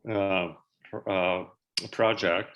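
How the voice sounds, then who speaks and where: Resident caller, slow hesitant man who breaks off mid word; dull lo-fi call audio. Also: low-pitched, fairly even intonation, a bit bright. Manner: hesitant, many fillers. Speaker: resident asking questions at a public meeting. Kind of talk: halting public comment on a video call. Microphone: video call.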